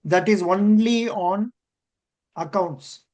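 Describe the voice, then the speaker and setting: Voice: medium pitch, slow, darkish tone. An older interview coach with an Indian accent, giving mock interview feedback in an encouraging way and often repeating phrases.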